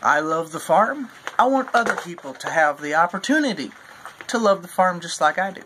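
A man in his forties making a mock-serious confession to a phone camera held at arm's length in an open barn, slow and solemn with long pauses. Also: high voice, a little hiss or hum. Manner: slow, solemn, deadpan delivery with drawn-out pauses. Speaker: farm vlogger.

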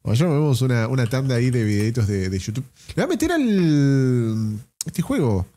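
A man with an Argentine accent giving casual reaction commentary as a streamer, with quick offhand slangy remarks and frequent laughter. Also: mid-range voice, big pitch swings, dark tone. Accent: Argentine Spanish.

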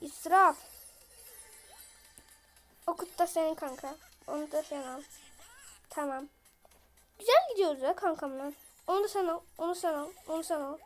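A woman with a voice off from illness, giving excitable live gameplay commentary, chatting in slang and yelling at opponents. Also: sits high, moderate pace, pauses often. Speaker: gaming video creator.

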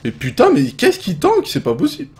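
Brief: young French male gaming host, lively pitch, excitable and swearing play-by-play commentary. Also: a little fast. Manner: excitable, swears often, shouts and laughs at the game. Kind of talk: casual gameplay commentary.

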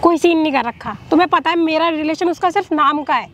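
A woman's voice: high voice, fast talker, fairly bright tone, slight background noise. An actress playing a scheming married young woman who insistently pleads with her lover to be patient. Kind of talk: Hindi comedy skit acting.

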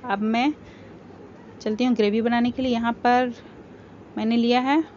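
A woman's voice: on the high side, moderate pace. Woman walking through a home recipe. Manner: calm step-by-step explaining. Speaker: cooking channel host. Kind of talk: home cooking tutorial voice-over. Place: home kitchen. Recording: slightly dull home recording with faint background hiss.

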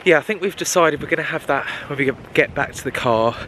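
A brisk, somewhat bright, higher-pitched young man with an English accent casually vlogs to a handheld camera, full of enthusiasm. Music plays under his voice along with a little hiss or hum, as he moves through castle grounds, parkland and a shop.

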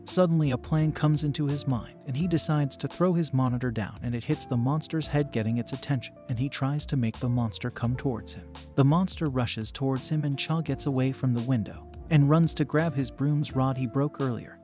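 A man narrating a comic story recap in a steady, plain storytelling manner. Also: mid-range voice, fairly quick, hardly any pauses, soft background music.

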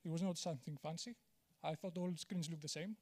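On a big auditorium stage, a Greek man gives a conference talk into a handheld mic in a high, steady, darkish voice at a fairly quick pace. Candid and self-mocking, he frequently stalls on "uh" and begins his sentences again.

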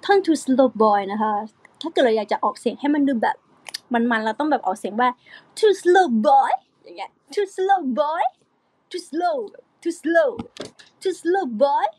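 A woman's voice: high voice, darkish tone. A young woman, an idol singer, chatting casually with fans on a live stream, explaining song parts and breaking into short sung snippets. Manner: chatty, playful, sings snippets between explanations. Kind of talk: casual live-stream chat with singing demos.

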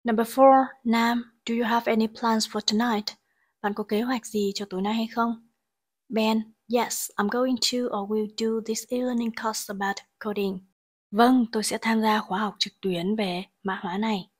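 A woman teaches English grammar and pronunciation, going through each exam answer and reading English sentences slowly before she translates them. Her voice is fairly high and her tone stays steady.

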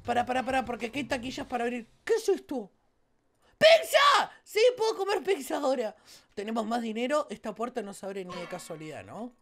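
A woman with a Rioplatense Spanish accent hosting a Let's Play, with excitable, playful, exclamatory commentary. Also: on the high side, fast, creaky. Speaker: gaming channel host.

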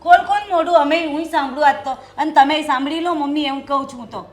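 An actress playing a proud elder daughter-in-law who complains indignantly and puts on tears for sympathy. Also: female voice, high voice, fairly quick, faint music behind, close to an everyday voice. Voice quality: whiny, indignant. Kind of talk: village family drama acting.

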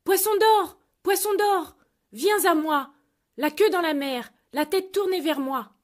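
A poor, meek old fisherman from a children's storybook, as a woman puts him on. He speaks gently and obediently, and the voice sits higher and louder than her narration. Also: moderate pace, close to an everyday voice. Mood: calling out.

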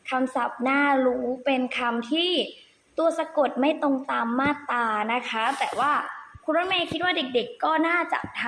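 A woman teacher who gently and patiently spells words out sound by sound for young children. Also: high-pitched, slight background noise. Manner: addresses children fondly, often adding polite particles. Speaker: primary school teacher. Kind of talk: slow spelling drill for children.

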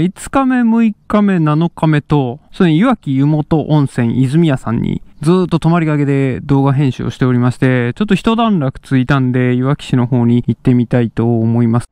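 A man's voice: medium pitch, a little mellow, clear, resonant tone, no echo. A young man with a Kansai accent, chatting and musing to himself as he rides and walks through a seaside town, recorded on an action camera. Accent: Kansai Japanese. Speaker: motorcycle touring vlogger. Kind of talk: casual solo travel vlog commentary. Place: outdoors, riding a motorcycle and walking a seaside town. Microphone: action camera with external mic, helmet-mounted or handheld. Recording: outdoor noise, traffic and wind.

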